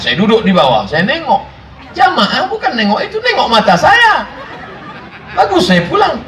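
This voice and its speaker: A man's voice: high voice, background noise. A man preaching a humorous sermon to a live congregation, telling jokey stories and acting out voices. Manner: jokey storytelling, acts out voices and sings snatches of songs. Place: large hall with congregation. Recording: roomy, distant live recording with crowd. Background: congregation laughing.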